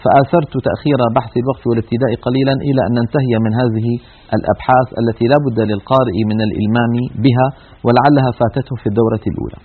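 A man's voice: medium pitch, steady tone, rapid-fire, slight background noise. A man teaching a broadcast lesson on Quran recitation, explaining vowel sounds and demonstrating them by drawing them out. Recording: tinny phone-like broadcast audio.

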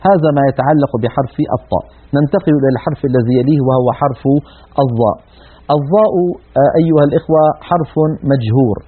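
A man teaching Quran recitation, explaining in a measured, didactic way and repeating sample syllables aloud. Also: medium pitch, breathy edge. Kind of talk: instructional lesson on letter articulation. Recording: tinny phone-like broadcast audio.

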